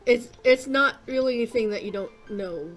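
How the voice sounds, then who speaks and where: A woman casually narrating her gameplay, rambling with lots of fillers and casual swearing, clearing her throat and coughing often. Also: on the high side, normal speed, fairly bright tone, soft background music. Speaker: gaming YouTuber.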